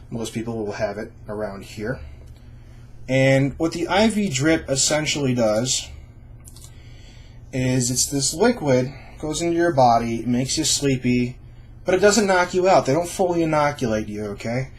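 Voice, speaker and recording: A man's voice: medium pitch, breathy edge. A young adult man talking informally and reassuringly to camera, explaining things in a casual vlog style. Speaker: vlogger sharing own surgery experience.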